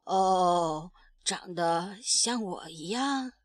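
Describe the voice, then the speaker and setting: A gruff but soft-hearted tyrannosaurus dad talks slowly and hesitantly, filling his pauses with drawn-out "uh"s, as a woman reads him in a storybook. His voice sits at an everyday pitch. The recording is close and dry. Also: dry recording, close to an everyday voice. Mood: flustered. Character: gruff yet tender tyrannosaurus father figure.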